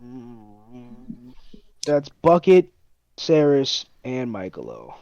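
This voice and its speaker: Animated man running a tabletop game. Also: mid-range voice, drawn-out words, vocal fry, lo-fi sound. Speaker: game master.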